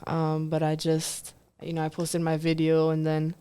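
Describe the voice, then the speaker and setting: This young woman, a singer from Kenya, is an interview guest speaking in a smooth, low-pitched voice at a moderate pace. Her manner is relaxed as she chats casually, laughing often between her words and filling gaps with "like" and "um".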